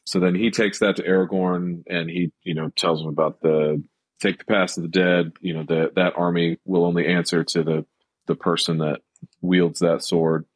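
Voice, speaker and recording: A man's voice: deep voice, level tone, normal speed, no echo. A man co-hosting a podcast, talking about a film in casual chat and rambling with lots of fillers. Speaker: podcast co-host.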